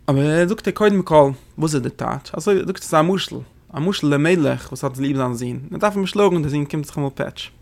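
A man teaching a lesson on religious texts, explaining quickly and often posing rhetorical questions to his listeners. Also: fairly high pitch, expressive, gravelly, a little mellow. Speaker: Torah teacher.

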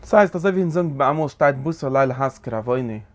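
A man teaching a Zohar lesson in an animated lecturing way, often asking his listeners short questions. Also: medium pitch, quick pace. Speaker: Torah teacher.

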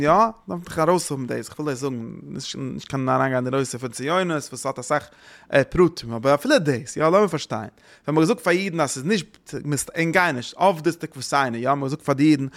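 A man giving an informal religious talk, rambling and halting, often repeating his phrases. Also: on the high side, fairly bright tone.

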